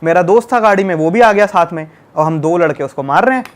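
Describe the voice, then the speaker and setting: Young man, high-pitched, animated storytelling, emphatic repetition. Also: fast. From Delhi. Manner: animated, emphatic, repeats phrases. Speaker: podcast guest. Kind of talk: casual storytelling chat.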